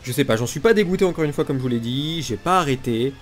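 A man's voice: mid-range voice, animated, fast. Guy w a blocked nose, nasal congested voice, casual blunt gamer rambling, some music behind him. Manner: blunt, informal griping. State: congested from pollen allergy. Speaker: gaming video creator. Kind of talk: casual unscripted gaming commentary.

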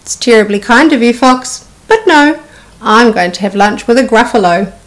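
A woman's voice: fairly high pitch, animated, moderate pace, lightly acted. A woman voicing a small, polite but boastful mouse in a children's storybook. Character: small, cheeky, confident brown mouse, polite trickster.

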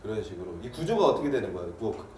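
Lively, mellow Korean man interviewing from off mic. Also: on the low side, rapid-fire. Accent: South Korean. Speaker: interviewer off camera. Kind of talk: casual interview. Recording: distant roomy mic, faint background noise.

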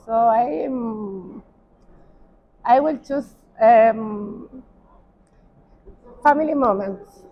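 Her voice fairly high, a middle-aged woman talks extremely slowly with long pauses, groping for words in English, which isn't her native language. She's a medical doctor being interviewed casually while walking through a big indoor hotel walkway. The sound is dull, with noticeably noisy ambience.

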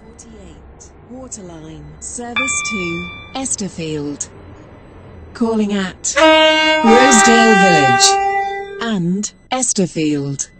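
A woman's voice giving automated platform announcements over a station public address system, reading station names in measured, evenly spaced phrases. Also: medium pitch, expressive, loud music behind the voice. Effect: train station public address announcement.

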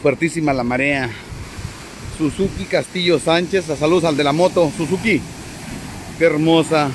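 A man's voice: fairly high pitch, normal speed, slight background noise. Joking man streaming outdoors by the sea. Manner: joking, chatty, greets viewers by name. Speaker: vlogger. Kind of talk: casual live stream from the seafront. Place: outdoors on a high spot by the sea.

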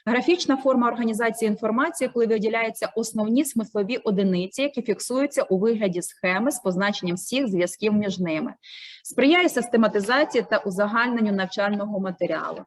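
A woman's voice: a little high, brisk. A woman teacher with a Ukrainian accent, explaining teaching methods with frequent hesitations.

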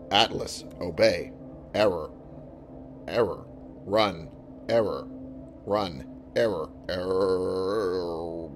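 A man's voice: low voice, a little hiss or hum, heavily acted. A man reading out a glitching, malfunctioning alien robot in clipped, choppy one-word bursts while playing a game. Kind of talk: reading game dialogue aloud in a let's play.

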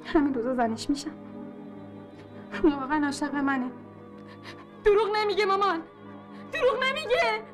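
An actress playing an anxious young nurse in a film scene, talking earnestly and insistently, at times defiant and scornful. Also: female voice, sits high, long pauses, over music, natural voice. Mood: pleading. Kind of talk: film dialogue.

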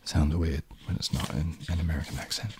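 In an ASMR short film, a man in his thirties plays a smug, seductive inner alter ego. He whispers breathily in a rumbling, low, steady tone, slow and intimate with a slyly cocky edge, sounding smug and amused. Background noise is audible.

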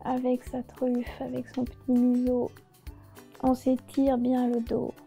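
High-voiced woman guiding kids' yoga. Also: monotone, takes it slowly, vocal fry, soft background music. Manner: gentle, encouraging, playful instructions. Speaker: yoga teacher. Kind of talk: guiding a children's yoga class.

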